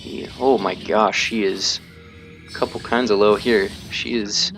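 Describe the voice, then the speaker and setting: A man's voice: on the low side, steady tone, a little slow, gravelly, fairly bright tone, faint music behind. Casual man commentating his own gameplay. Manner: casual, thinking aloud, self-deprecating; explains tactics while playing.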